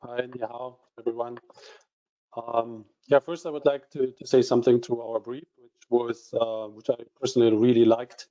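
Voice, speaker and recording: A man speaks over a conference call, his mellow, darker voice coming through a dull, lo-fi line that breaks up. He talks hesitantly, pausing on fillers and restarting his sentences as he presents an award. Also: mid-range voice, level tone. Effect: video call audio, breaking up. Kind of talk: live announcement. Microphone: computer mic on a video call.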